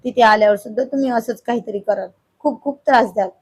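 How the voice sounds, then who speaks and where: A woman voicing a shy young wife who scolds her husband, in a husky voice. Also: a little high, quick pace, darkish tone. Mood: bashful protest. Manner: scolding, bashful.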